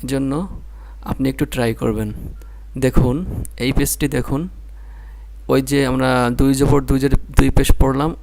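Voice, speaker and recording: A man's voice: mid-range voice, gravelly. A man with a Bangladeshi Bengali accent teaching Quran reading, spelling out syllables one by one and repeating them patiently. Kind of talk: slow spelled-out recitation lesson.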